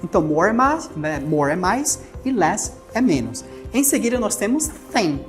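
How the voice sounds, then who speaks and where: A woman with a Brazilian Portuguese accent teaching an English lesson, patiently explaining and repeating words slowly for pronunciation drills. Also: medium pitch, big pitch swings, soft background music. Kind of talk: recorded language lesson.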